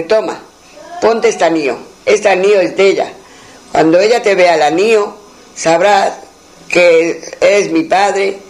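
A man's voice: high-pitched, low-quality recording. A man telling a traditional folk tale aloud in a homely way, repeating phrases and speaking the characters' lines himself. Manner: homely, repetitive, voices the characters' lines in turn. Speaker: storyteller.

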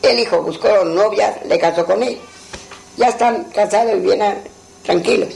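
A man telling a traditional folktale in a plain, unhurried folk manner. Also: high-pitched, vocal fry, darkish tone, rough recording. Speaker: storyteller.

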